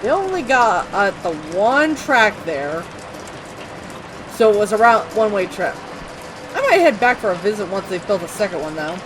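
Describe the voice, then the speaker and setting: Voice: mid-range voice, big pitch swings, moderate pace, close to an everyday voice. A gamer voicing a cheerful folksy hobo man. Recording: rain noise behind.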